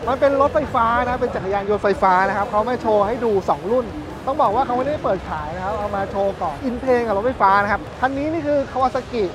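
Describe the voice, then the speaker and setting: A man in his thirties presenting bikes at a busy indoor motor show in a lively, chatty way, speaking into a lapel mic. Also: very high-pitched, quick pace. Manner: lively, chatty, points things out. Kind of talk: casual walkaround presentation. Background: music.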